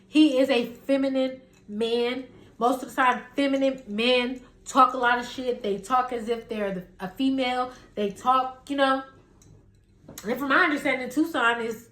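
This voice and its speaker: A woman's voice: high-pitched, a bit bright, roomy sound. A woman podcast host, casually recounting gossip in a chatty way, hedging as she retells an argument.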